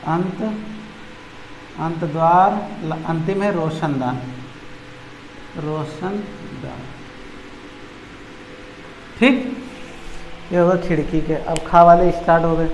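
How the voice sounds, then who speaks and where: एक पुरुष शिक्षक, जो परीक्षा के लिए पर्यायवाची शब्द धीरे-धीरे बोलकर लिखवाता है और हर शब्द कई बार दोहराता है।. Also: male voice, fairly high pitch, fairly even intonation. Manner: slow, repeats each word for note-taking. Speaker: teacher. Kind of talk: dictating exam vocabulary lesson. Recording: echoey room, faint background noise.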